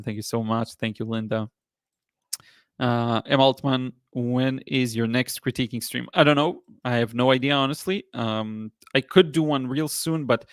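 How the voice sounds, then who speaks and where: Hosting a watercolor livestream, a Hebrew-speaking man in his thirties with an Israeli accent chats casually while reading viewer comments. His medium-pitched replies are relaxed and halting, full of fillers, captured in clean studio sound with no room sound.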